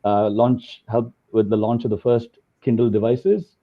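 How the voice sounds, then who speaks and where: A man's voice: mid-range voice, level tone, a little slow. A man from India giving a conversational webinar talk over slides, with many fillers. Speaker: guest speaker. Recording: tinny phone-like call audio.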